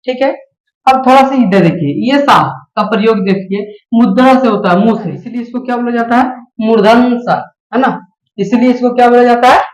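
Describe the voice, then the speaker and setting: Patiently going over the Hindi alphabet with children, a woman keeps saying "है ना" and asks her pupils small questions to check their understanding. Her voice is a little high, the sound is roomy, and the recording quality is rough.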